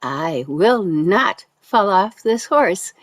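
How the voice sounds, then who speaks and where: Woman quoting a calm, commanding horse rider. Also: mid-range voice, extremely slow, voice pushed down. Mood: reassuring. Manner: gives firm, patient instructions. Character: confident male horseback reenactor, calm and commanding.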